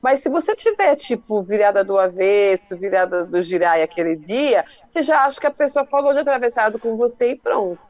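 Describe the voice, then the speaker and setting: A woman's voice: mid-range voice, expressive, fairly quick, few pauses, a little mellow, dry recording, highs cut off. A woman hosting a radio talk show, chatting casually and joking about herself in colloquial speech. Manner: chatty, self-mocking, colloquial.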